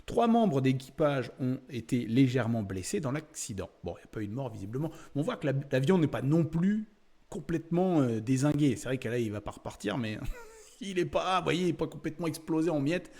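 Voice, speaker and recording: Fast and animated, a young YouTuber explores a website in casual screen-share commentary, laughing and thinking aloud with plenty of fillers. His voice is somewhat high with a darkish tone.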